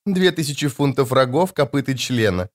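A sly young woman soldier who needles her corporal in a snide, hushed voice, read by a male narrator. Storybook reading. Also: medium pitch, lively intonation, normal speed, natural voice. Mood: mocking. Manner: snide, half-whispered.

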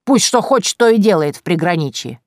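A woman's voice: fairly low pitch, expressive, a little fast, a little mellow, dry recording, studio quality. A woman voicing a spiteful, quarrelsome old witch who snaps and shrieks. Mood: sneering. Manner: snappish, shrieking.

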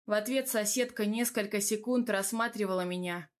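Woman, audiobook narrator, steady even reading, first person. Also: medium pitch, brisk. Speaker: audiobook reader.

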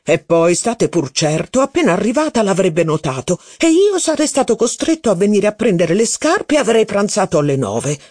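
A man reading aloud voices a blustering, impatient aristocratic duke who talks in loud exclamations. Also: sits high, sing-song, normal speed, hardly any pauses, no echo, clean studio sound, voice pushed up.

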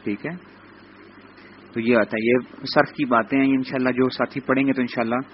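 A man's voice: medium pitch, steady tone, lo-fi sound, a little hiss or hum. A man teaching a Quran class in a live lecture, explaining patiently and checking in with his listeners again and again. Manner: repeats "theek hai" as a check-in; explains slowly, spelling out letters. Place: lecture room.

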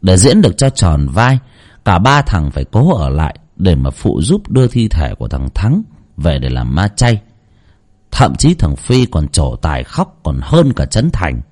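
A man narrating a horror story audiobook in a dramatic, expressive storytelling manner. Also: sits low, measured pace.

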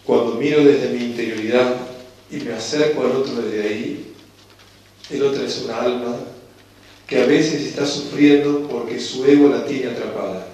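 A man with a Rioplatense Spanish accent giving a reflective spiritual lecture. He speaks calmly and unhurriedly, and slows down to repeat key phrases. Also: mid-range voice, slight background noise. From Argentina. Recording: very echoey hall, voice from far off.

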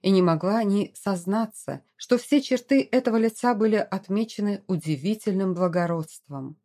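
A woman reading a romance novel aloud as an audiobook, in an expressive, dramatic way. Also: mid-range voice, moderate pace. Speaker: audiobook narrator. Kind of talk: scripted narration.

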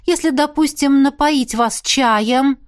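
A woman reading the part of a bold, sharp-tongued young female magic student in a fantasy audiobook. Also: high voice, pitched above the performer's own voice. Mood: teasing, eager. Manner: cheeky, quick, teasing.

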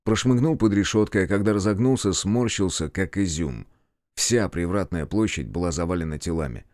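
A man narrating a first-person audiobook in a calm, measured way. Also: sits low, dry recording, clean studio sound.

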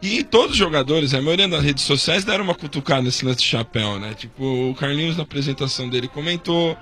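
A hoarse-voiced man on a sports radio panel, debating football casually and exclaiming and repeating himself. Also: a little high, expressive, fast talker, bright, forceful tone, faint music behind.

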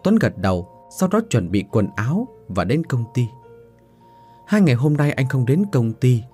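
A man narrating a scripted ghost story in an expressive, dramatic way. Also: medium pitch, moderate pace. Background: faint background music.

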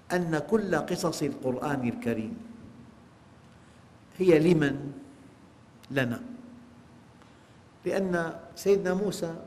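Male sheikh, lecture on scripture, fairly high voice, emphatic preaching, long hall reverb. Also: darkish tone. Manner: emphatic preaching, rhetorical questions to listeners. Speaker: sheikh giving Quran exegesis. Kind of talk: religious lecture.

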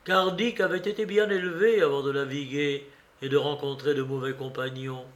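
A man reading a classic novel aloud for radio in a measured, expressive way. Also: mid-range voice. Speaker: reader.

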